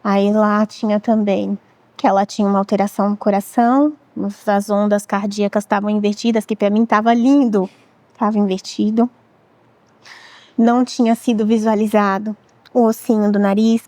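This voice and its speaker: Woman in her thirties, Brazilian accent, warm mellow voice, dry close sound, measured reflective testimony. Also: mid-range voice, fairly even intonation, no room sound. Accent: Brazilian Portuguese. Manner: measured, reflective, often quoting her own past words. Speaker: guest sharing her story. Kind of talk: emotional personal testimony.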